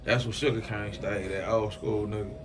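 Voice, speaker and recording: A man in casual chat, telling loose stories full of slang and getting loud when he is excited. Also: lowish voice, moderate pace, background noise.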